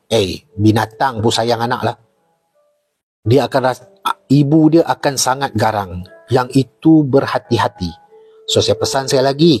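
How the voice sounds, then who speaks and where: With a husky, mid-range voice and no room sound, a middle-aged Malaysian Malay-accented man chats casually as a guest. Once an army officer, he tells stories with animation, repeats the important points, and asks his audience rhetorical questions.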